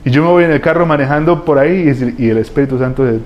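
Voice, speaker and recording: A man preaching a sermon as a pastor, telling lively, humorous stories full of slang. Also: on the high side, fast, lo-fi sound, a little hiss or hum.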